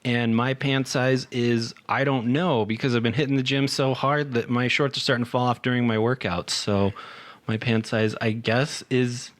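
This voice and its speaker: An easygoing man in his thirties hosts a casual podcast. His voice sits at an ordinary middle pitch. He tells stories in a relaxed, chatty way and often breaks into laughter. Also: normal speed. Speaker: podcast host.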